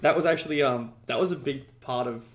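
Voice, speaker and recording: A man's voice: medium pitch, fairly quick, reverberant. A man guest in a casual interview, telling a long story with heavy fillers and frequent swearing. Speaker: podcast guest, ecommerce entrepreneur.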